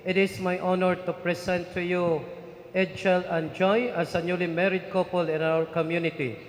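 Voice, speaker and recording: A man serving as a priest, reciting wedding blessings in a measured, formal way, his voice carrying a cathedral echo through a large church. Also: high voice, level tone. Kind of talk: liturgical blessing at a wedding mass. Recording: echoey church hall, faint ambience.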